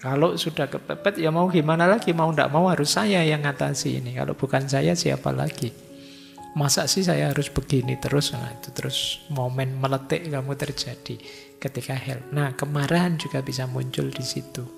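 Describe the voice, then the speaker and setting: A middle-aged man giving an informal philosophy study lecture, telling lively stories with acted quotes. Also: mid-range voice, moderate pace, creaky. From Indonesia. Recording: music under long hall reverb.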